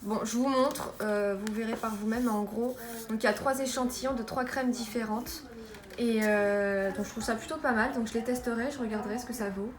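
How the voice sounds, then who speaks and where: A woman's voice: on the high side, fairly even intonation, moderate pace. A young woman from France showing off a beauty haul in a casual vlog, chatty with lots of fillers and restarts. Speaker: beauty vlogger. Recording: echoey room with background noise.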